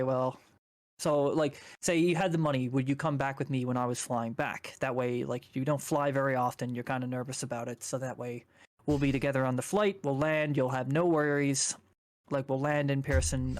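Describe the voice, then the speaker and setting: A man's voice: mid-range voice, little pitch movement, fairly quick, no echo, clean studio sound. A young man from Canada, a guest on a chat stream, rambling casually through a personal story and swearing now and then.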